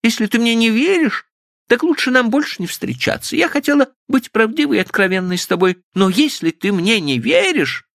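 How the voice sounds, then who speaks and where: A man's voice: expressive, brisk, gravelly, fairly bright tone, no echo, clean studio sound, heavily acted. Man putting on a tearful young woman. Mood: reproachful. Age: young adult. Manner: high plaintive pleading falsetto.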